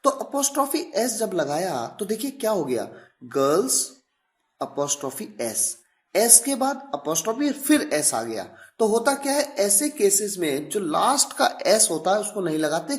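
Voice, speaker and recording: A man giving a recorded grammar lecture, explaining patiently, repeating examples and drawing out sample phrases slowly. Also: sits high. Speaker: English grammar teacher.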